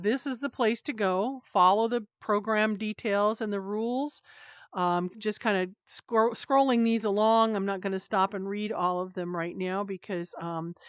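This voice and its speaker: A woman's voice: medium pitch, smooth, no echo, clean studio sound. A woman co-hosting a casual gaming podcast, talking in a chatty, rambling way with lots of fillers. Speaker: co-host.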